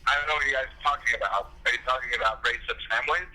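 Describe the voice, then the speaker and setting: A man calling in over a phone on speaker from a ferry, joking in a dry, deadpan way. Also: medium pitch, very fast, slight background noise, low-quality recording. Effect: heard over a phone on speaker. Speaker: phone-in caller, former guest. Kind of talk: casual chat.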